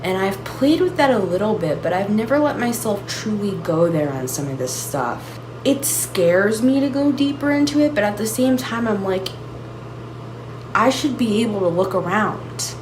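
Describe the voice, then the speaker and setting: A woman's voice: medium pitch, expressive, normal speed. A woman hosting her own channel, musing aloud in a searching, reflective solo monologue full of restarts and "like"s. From United States. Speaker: channel host. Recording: audible background noise.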